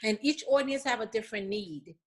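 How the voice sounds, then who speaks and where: A woman's voice: a little high, animated, fairly quick. A middle-aged woman from Liberia, answering interview questions in an earnest, repetitive way, with many "you know"s. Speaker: interview guest. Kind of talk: remote interview, casual.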